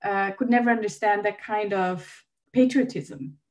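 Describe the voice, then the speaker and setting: A woman from Austria is interviewing a guest in a conversational style, her mid-range voice fairly even in intonation and a little slow. She speaks hesitantly, filling her sentences with lots of ums and uhs as the host.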